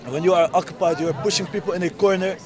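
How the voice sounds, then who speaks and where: Racing through his words in a high-pitched, steady tone, a man in his twenties from the Netherlands is interviewed at a street protest outdoors. He is earnest and emphatic, speaking in short insistent phrases over a loud crowd of protesters.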